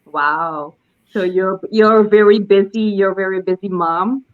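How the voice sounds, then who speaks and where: A woman's voice: mid-range voice, measured pace, phone-quality sound. A woman from the Netherlands, hosting a casual live interview over a video call and exclaiming often. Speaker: host of a live stream.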